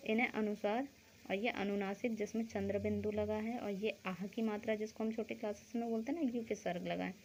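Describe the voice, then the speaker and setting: A woman's voice: medium pitch, fairly even intonation, brisk, a little mellow, slight background noise. A woman teaching a school grammar lesson, explaining step by step, asking questions and answering them herself, checking in often with the class.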